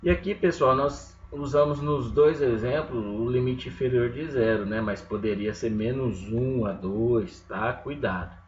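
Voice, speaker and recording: A man's voice: mid-range voice, measured pace, few pauses. A man teaching a recorded video lecture, explaining step by step and often checking in with his students. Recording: echoey, dull, slightly noisy room.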